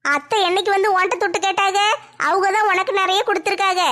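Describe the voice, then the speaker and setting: A woman voicing a meek, put-upon young daughter-in-law in a comedy skit, slower and plaintive. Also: extremely high pitch, fairly even intonation, pushed and bright. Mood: defensive.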